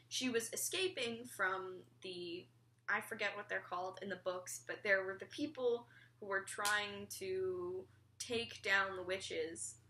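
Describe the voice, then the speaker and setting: Bright-voiced chatty teen girl vlogging. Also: medium pitch. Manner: chatty and rambling, frequent "like" and "um", casual swearing. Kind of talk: casual vlog reaction.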